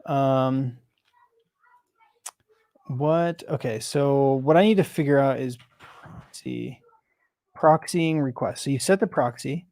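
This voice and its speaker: Developer, male, halting think-aloud while debugging, dry close sound, unhurried. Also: mid-range voice, a little mellow, dry recording. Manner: halting, self-questioning, many restarts. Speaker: software developer.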